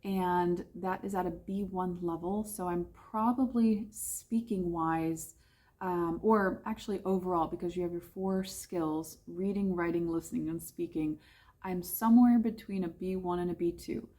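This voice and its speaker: In a relaxed talking-head vlog, a US-born English teacher talks about living abroad, frequently stopping to correct herself with fillers. She speaks at normal speed in a fairly low, mellow voice with fairly even intonation.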